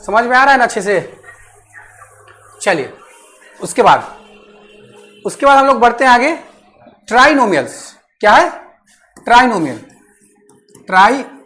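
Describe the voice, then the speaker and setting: A woman teaching maths in class. She keeps checking that students understand and repeats phrases slowly while dictating. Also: a little high, sing-song, a bit bright.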